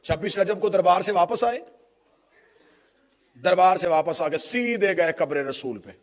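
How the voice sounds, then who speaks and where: Male Pakistani preacher with a Pakistani Urdu accent and a very high voice, giving an impassioned mourning sermon that rises into tearful chanting.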